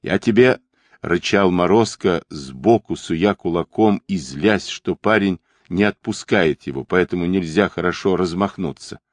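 A man narrating a novel in an audiobook with lively, dramatic phrasing. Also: deep voice, measured pace, no echo. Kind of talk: expressive literary reading.

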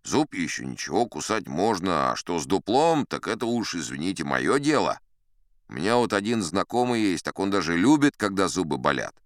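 A man's voice: low-pitched, very animated, normal speed, no echo, clean studio sound. An actor playing a boastful old sea captain who narrates his tall tales in a chatty, sly way, often turning to the listeners. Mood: boastful yarn. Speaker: first-person narrator of an audio play. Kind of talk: theatrical storytelling, audio play.

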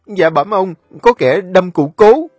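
Storybook: panicked loyal servant lad, put on by a man, yelling high. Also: animated, takes it slowly, husky, dry recording, muffled recording, faint music behind, full character voice. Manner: frantic shouting.

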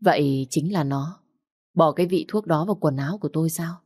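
A woman reading a story aloud, voicing a young wife who asks calm, probing questions. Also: low voice, fairly quick, husky, no echo, studio quality.

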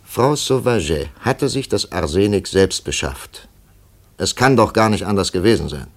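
A deep, gravelly investigator. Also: male voice, lively intonation. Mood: firm. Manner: firm, measured. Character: stern male investigator questioning a witness. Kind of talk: 1950s radio drama acting.

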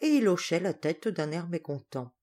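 A woman reading a children's novel aloud as audiobook narrator, slow and expressive. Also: fairly low pitch. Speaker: audiobook reader. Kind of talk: storybook narration.

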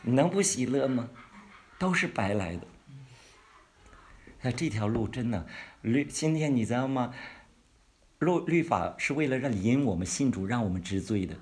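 A man giving a conversational Bible-study sermon. He asks his listeners questions and draws out key words slowly for emphasis. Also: mid-range voice, animated, a little mellow. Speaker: pastor or Bible teacher.

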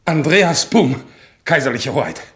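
A crippled veteran on crutches speaks with earnest, dutiful zeal. His voice sits in a middle pitch and swings widely, climbing when he gets excited. He sounds like a figure from an old-style radio play. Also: a little slow. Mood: zealous. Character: crippled, devout, obedient war veteran on crutches. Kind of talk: 1960s radio drama acting.

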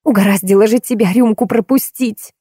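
A woman's voice: medium pitch, steady tone, fairly quick, warm tone, breathy edge, dry recording, clean studio sound, voice pushed up, close to an everyday voice. Woman reading a weary, exasperated companion. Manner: patient, then exasperated. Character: weary middle-aged woman soothing her hothead companion.

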